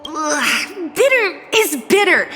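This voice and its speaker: High-pitched brusque young game heroine, grossed out by a bitter taste, reverberant, music behind. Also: female voice, big pitch swings, moderate pace, fairly bright tone, a little hiss or hum. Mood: disgusted, grimacing. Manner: blunt. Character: blunt, brusque young woman, repulsed by bitter tea. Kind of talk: video game voice acting.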